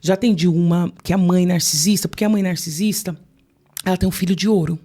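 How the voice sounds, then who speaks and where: A woman's voice: fairly low pitch, steady tone, fast, dark tone. A woman psychologist and pastor with a Brazilian Portuguese accent, talking through client stories in an interview and acting out the voices she quotes.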